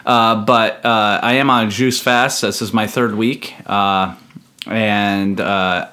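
A man's voice: fairly low pitch, fairly even intonation, slow pace, pushed and bright. A man hosting a podcast in casual chat, jokey and theatrical, his speech slightly affected by a dental retainer. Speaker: podcast host.

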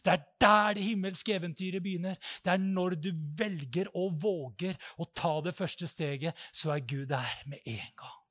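A man preaching a sermon, telling stories and acting out prayers with loud, high-pitched cries. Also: few pauses, no echo, clean studio sound.

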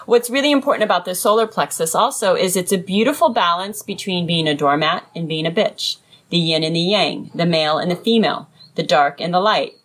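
A woman's voice: fairly low pitch, brisk. A woman speaking as a sound healer, talking about and guiding spiritual practice. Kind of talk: conversational explanation of chakras and sound healing.

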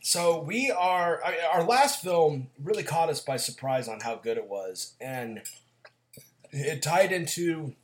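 A man with a raspy, gravelly voice, getting over a cold, talking casually as co-host of a film podcast. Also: a little high, lively intonation, takes it slowly.

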